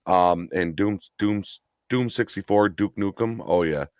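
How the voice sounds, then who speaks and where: A man's voice: deep voice, a little slow, no echo, highs cut off. A man in his thirties hosting a live stream, chatting casually and eagerly about old games and reading out chat comments. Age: 30s. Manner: excited reminiscing, reads chat aloud. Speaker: stream host.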